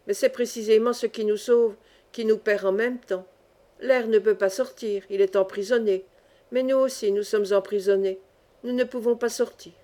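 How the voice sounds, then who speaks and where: A woman reading the part of a calm old schoolmaster among trapped miners, explaining things patiently in an audiobook. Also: medium pitch, normal speed, natural voice. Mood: explaining calmly. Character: wise old male mine schoolmaster, calm.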